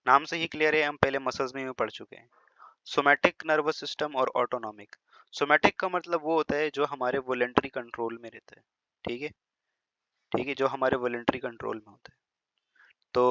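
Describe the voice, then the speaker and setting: A man lectures a biology class in a chatty Hindi-English mix, his medium-pitched voice sharp in tone. He teases students, checks often that they're following, and over-stresses words slowly to show pronunciation. The audio is dry and lo-fi, slightly dull, with no echo.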